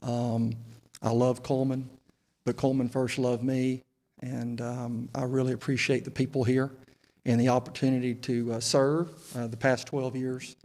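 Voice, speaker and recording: A Southern US man in his forties makes his case as a council candidate through a face mask. His pitch is average and moves very little from phrase to phrase. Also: flat delivery, normal speed, a little mellow. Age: 40s. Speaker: city council candidate, incumbent. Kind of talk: candidate remarks at a local debate.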